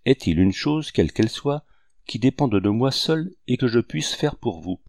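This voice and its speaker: A man's voice: mid-range voice, lively intonation, normal speed, a little mellow, no room sound, studio quality, voice pushed up, close to an everyday voice. A man voicing a hearty French general in chief, courteous and commanding.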